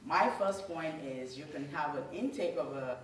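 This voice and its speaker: Woman, earnest and measured, distant from the mic, heavy room echo. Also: deep voice. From Cameroon. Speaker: church retreat speaker. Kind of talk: informal talk to a church group. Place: church meeting room. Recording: roomy hall audio from a distant mic with faint noise.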